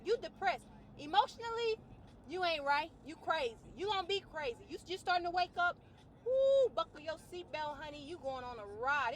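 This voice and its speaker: A woman who's a fitness trainer and vlogger rants to camera in a colloquial, outspoken way, swinging from loud outbursts to low, quiet musing. There's slight background noise.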